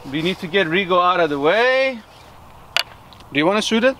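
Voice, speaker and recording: Excitable man hosting outdoors. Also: sits high, normal speed, a little hiss or hum. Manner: excited, laughing often. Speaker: video host. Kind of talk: casual vlog commentary. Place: outdoors in an orchard.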